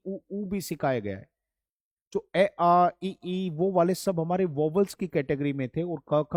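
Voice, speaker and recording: A man's voice: sits high, mellow, no room sound, studio quality. A man teaching an English grammar lesson, patient and repeating key points while addressing his students as children, with an Indian accent. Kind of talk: classroom-style grammar lesson.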